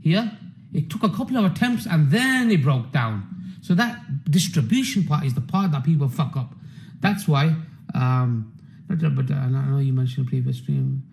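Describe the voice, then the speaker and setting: A man's voice: a little high, sing-song, normal speed, gravelly, darkish tone, low-quality recording. A man giving an unscripted live trading session, blunt, profane and rambling, often breaking off to lecture his viewers combatively. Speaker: trading educator.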